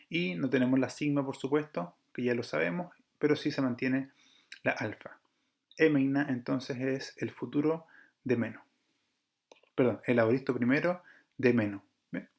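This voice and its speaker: A man's voice: medium pitch, moderate pace, pauses often. A man teaching an online class over slides, explaining patiently, checking in with his students and correcting himself as he goes. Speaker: Greek teacher.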